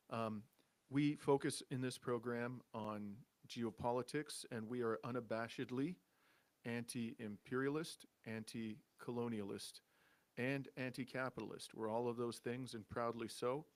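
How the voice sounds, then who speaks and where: A man hosting a live online talk show, speaking measured and firm with frequent uhs. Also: medium pitch. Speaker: host, founder of the show.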